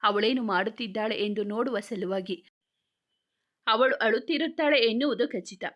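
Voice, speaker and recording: A woman storyteller giving a measured scripted narration of a romance story. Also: fairly high pitch, fairly bright tone.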